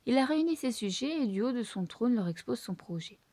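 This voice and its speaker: A woman reading a children's book aloud in French with lively, expressive storytelling. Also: a little high, brisk, dry recording. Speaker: storybook reader.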